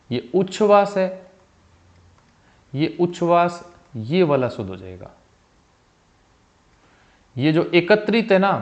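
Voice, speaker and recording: A man teaching a Hindi exam-prep spelling lesson, repeating each word and its correct form and often dropping his voice softly at the ends of phrases. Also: fairly high pitch. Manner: calls viewers "bhai", asks them questions; voice drops soft at the end of phrases. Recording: slightly dull, lo-fi sound.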